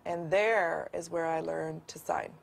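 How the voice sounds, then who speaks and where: Flat-voiced deaf man answering questions. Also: a little high, a little slow, gravelly, a little hiss or hum. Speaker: interviewee, deaf test subject.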